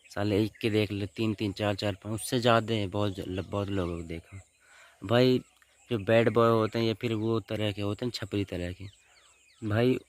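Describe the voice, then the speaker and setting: A man's voice: lowish voice, darkish tone. A young man giving relationship advice in a casual vlog from a farm field, talking informally and often repeating little check-in words. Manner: informal, repeats "thik hai" and "bhai". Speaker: vlogger.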